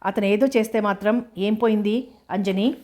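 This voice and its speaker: A woman's voice: mid-range voice, fairly even intonation, normal speed, a little mellow, natural voice. A woman voicing a scheming middle-aged uncle who brushes off blame in a dismissive manner.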